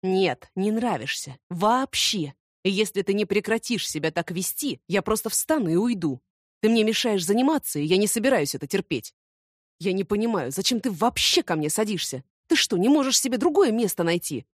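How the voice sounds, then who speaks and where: A woman's voice: medium pitch, expressive, moderate pace, no room sound, studio quality, lightly acted. A woman voicing a shy, stubborn young male student who grumbles irritably. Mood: annoyed.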